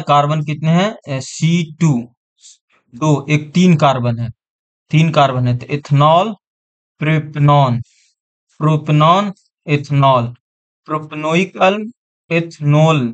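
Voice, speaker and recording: Slow, repetitive male teacher. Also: a little high, highs cut off. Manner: repeats terms over and over, checks understanding. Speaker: exam-prep science teacher. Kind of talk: online class lecture.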